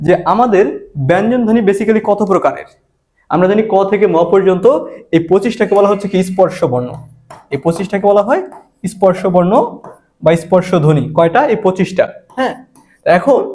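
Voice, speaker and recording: A man's voice: high voice, a little mellow. A man, teaching an exam prep lesson and asking and answering his own questions. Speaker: admission exam tutor. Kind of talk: spoken grammar lesson.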